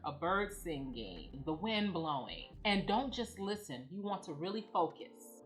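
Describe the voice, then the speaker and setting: A woman giving calm, measured instructions as she guides listeners through a grounding exercise. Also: fairly low pitch. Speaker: presenter of anxiety grounding techniques. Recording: music playing behind the voice. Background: background music.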